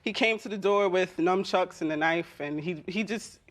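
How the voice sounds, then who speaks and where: A woman in her twenties giving halting, whiny testimony as a complaining litigant in a TV courtroom. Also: on the low side, noisy background. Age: 20s. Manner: hesitant, halting explanations. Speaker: litigant complaining about partner in a TV court show.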